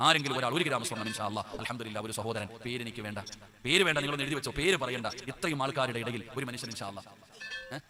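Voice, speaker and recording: A man's voice: mid-range voice, very fast. A man preaching an impassioned sermon to a live gathering, pleading with his listeners and addressing them as brothers and sisters. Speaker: Islamic preacher. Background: crowd of listeners.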